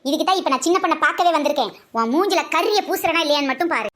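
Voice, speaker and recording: A woman playing shrill squabbling village women. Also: expressive, fairly bright tone. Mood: quarrelsome. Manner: shrill, teasing, quick-tongued banter. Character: squabbling village women, feuding mother-in-law and daughter-in-law. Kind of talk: scripted comedy skit.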